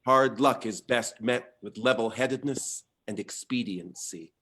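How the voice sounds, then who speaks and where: An actor playing a calculating Greek commander, curt and matter-of-fact. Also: male voice, mid-range voice, unhurried, a bit bright, breathy edge. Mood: cold businesslike. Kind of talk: stage play reading.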